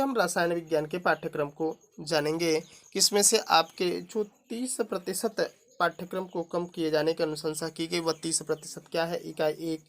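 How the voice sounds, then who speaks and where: Teacher reading out a syllabus list. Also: male voice, sits high. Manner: reads through a long list item by item, adding brief remarks.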